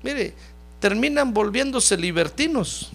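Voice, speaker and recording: A man's voice: very high-pitched, expressive, takes it slowly, vocal fry, fairly bright tone. A man preaching a sermon as pastor, talking straight to the congregation, calling them brother and having them repeat phrases after him.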